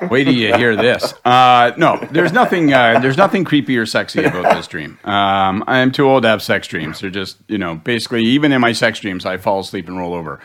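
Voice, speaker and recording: A middle-aged man from Canada, a political panelist telling a story in casual chat, animated, self-deprecating and swearing freely. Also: mid-range voice, a little fast, few pauses, noisy background. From Canada (Prince Edward County, Ontario).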